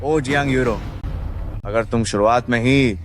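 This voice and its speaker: A man's voice: medium pitch, unhurried, noisy background, close to an everyday voice. A man dubbing a vengeful villain, bitter and scornful in his speech. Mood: gloating.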